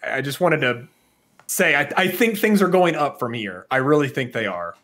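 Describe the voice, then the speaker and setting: This podcast co-host is a southern US man with an American accent, speaking at normal speed in an expressive, mid-range voice with a fairly bright tone. He keeps the casual chat joking and full of opinions.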